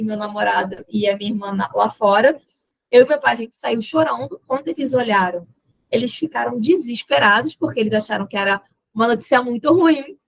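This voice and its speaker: A young Brazilian woman tells her story as a podcast guest, voicing the people in it as she goes. Her voice sits fairly high with a gravelly, fry-tinged edge. The sound is close and dry. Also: dry recording, poor audio. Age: young adult. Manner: lively retelling that acts out quoted dialogue, with laughs. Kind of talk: personal storytelling in a podcast interview.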